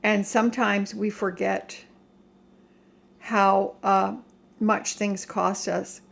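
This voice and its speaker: Slow-talking older American woman. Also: mid-range voice, flat delivery, vocal fry. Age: older, 60s or above. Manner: halting, emphatic, plain-spoken. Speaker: home vlogger. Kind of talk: casual rant to viewers. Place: home kitchen.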